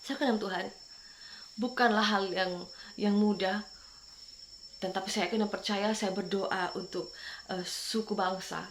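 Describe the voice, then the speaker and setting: A woman from Madura preaches with fervour, mixing sermon with her own testimony. Her voice sits at a middling pitch. Faint crickets and insects chirp behind her. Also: steady tone, unhurried, long pauses, a little hiss or hum. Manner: fervent, repeats "saudara" at phrase ends.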